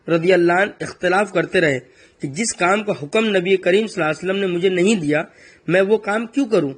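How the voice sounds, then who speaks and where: A man with a high-pitched voice preaches a religious talk. He drives his points home with emphatic repetition. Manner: emphatic, repeats phrases for stress.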